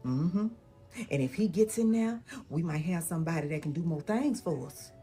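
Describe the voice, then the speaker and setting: A woman voicing an excitable old-time Southern woman in a comic skit, with a put-on Southern US dialect and a drawl. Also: low-pitched, moderate pace, soft background music. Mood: gossipy. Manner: drawling, exclaiming, half-sung.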